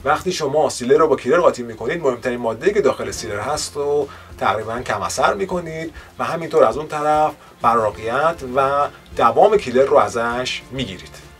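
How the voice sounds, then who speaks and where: A man's voice: mid-range voice, lively intonation, a bit bright. A man hosting a woodworking channel, explaining finishing steps patiently and politely in an instructional voice-over. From Iran. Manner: polite, patient explaining with formal courtesy phrases.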